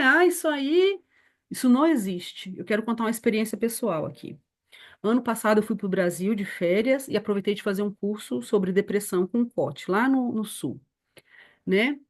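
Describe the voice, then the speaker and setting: With a mid-range, slightly mellow voice, this missionary teacher in her 40s tells her own testimony as part of a church lesson. Her storytelling is earnest, and she calls the audience "beloved."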